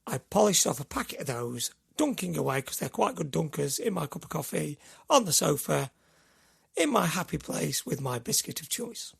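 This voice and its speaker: Brief: middle-aged man, gravelly and raspy, high-pitched for a man, chatty podcast host who rambles. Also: very animated, normal speed, fairly bright tone. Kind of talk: casual chat.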